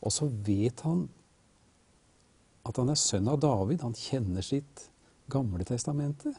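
A man's voice: medium pitch, expressive, mellow, breathy edge. A male host leading a Bible discussion, reflective and leading the conversation.

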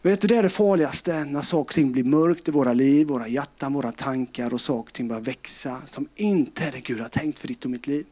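A middle-aged man preaching a sermon with passion, swinging between loud calls and hushed, tender tones. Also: medium pitch, hardly any pauses. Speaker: pastor.

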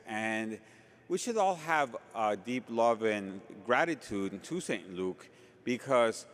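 Male priest, fairly low voice, solemn church delivery, long cathedral echo. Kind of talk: gospel reading and homily at Mass. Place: large reverberant church.

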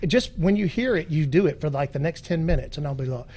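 A middle-aged police training officer chatting casually, rambling and joking with frequent laughs. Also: male voice, on the high side, animated, fast talker, a little mellow, slight background noise. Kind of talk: casual podcast chat.

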